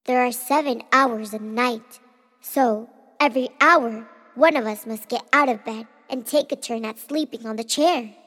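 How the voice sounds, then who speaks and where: A woman voicing small, fussy dwarfs in a storybook reading, in squeaky, excited tones. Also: unhurried, long reverb tail.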